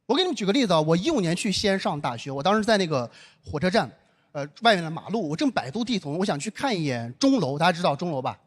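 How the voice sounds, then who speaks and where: A man's voice: high-pitched, fast, slightly rough. A young man from northern China doing a stand-up comedy set, telling a story and acting out the dialogue himself. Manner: storytelling, animated, acts out dialogue.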